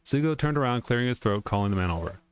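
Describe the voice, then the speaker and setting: Racing along in an animated, mid-range voice, this man plays a game and reads its dialogue aloud, stopping for casual comments. Music plays in the background of this let's-play recording.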